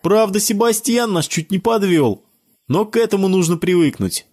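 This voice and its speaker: Man doing a shrill ten-year-old boy. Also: lively intonation, moderate pace, husky. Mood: scolding. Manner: shrill, shouting. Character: squeaky-voiced boy of ten, indignant.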